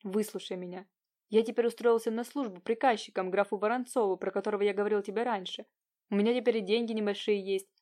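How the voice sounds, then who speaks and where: A woman's voice: medium pitch, darkish tone, lightly acted. Woman voicing a brooding young peasant man.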